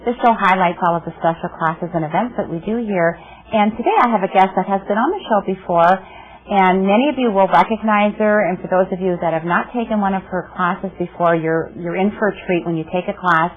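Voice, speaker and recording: A woman's voice: mid-range voice, a little fast, a little hiss or hum. Enthusiastic woman TV host, tinny sound. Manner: friendly, enthusiastic, repeats words. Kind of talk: local cable TV interview. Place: TV studio set. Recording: tinny phone-like old TV audio.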